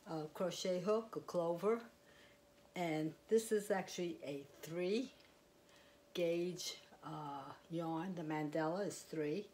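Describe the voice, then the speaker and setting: A woman with a low voice talks through her crochet in a loose, rambling way, full of fillers. She speaks into a clip-on mic in a quiet house, with a faint hiss behind her. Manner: rambling, chatty, with fillers and small laughs. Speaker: crochet vlogger. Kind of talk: casual show-and-tell. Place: quiet home, indoors.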